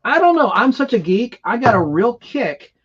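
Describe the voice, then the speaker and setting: A man's voice: very high-pitched, very animated, normal speed, slightly rough, lo-fi sound. A man hosting a casual nostalgic TV live stream, talking in a rambling, enthusiastic, geeky way.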